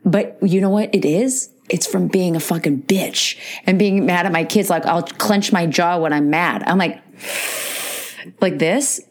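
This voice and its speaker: A woman's voice: on the low side, measured pace. A woman in her forties co-hosting a podcast, chatting candidly and animatedly with plenty of swearing. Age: 40s. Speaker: podcast co-host. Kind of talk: casual chat.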